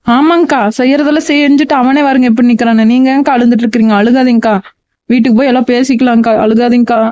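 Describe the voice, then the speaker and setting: A woman's voice: on the high side, steady tone, fast talker, dark tone, dry recording, close to an everyday voice. A woman playing a supportive younger woman who consoles and agrees, on a dull, dry recording. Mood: consoling.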